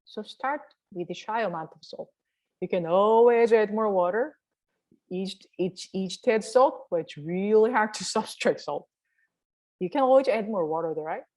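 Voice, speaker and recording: This is a low-quality recording of a Korean woman whose mid-range voice has a darkish tone and moves at normal speed. As a health and cooking vlogger, she gives an upbeat, chatty tutorial, frequently asking a rhetorical "right?".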